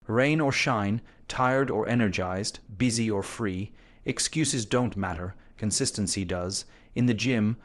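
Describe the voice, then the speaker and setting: A man with a medium-pitched voice delivers a scripted motivational speech. He speaks emphatically and declaratively, breaking his message into short, punchy phrases like a gym motivation narrator.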